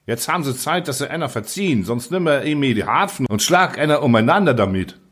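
A man voicing a grumbling Bavarian postal clerk, blunt and cross, with a husky voice. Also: medium pitch, expressive, a little fast, a bit bright. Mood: indignant. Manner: blunt, grumbling dialect speech.

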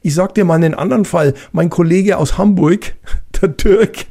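A retired police officer, middle-aged with a Franconian German accent, tells anecdotes as a guest in a loose, colloquial style full of fillers and restarts. His voice sits high and gravelly with a warm tone, moving at a moderate pace.

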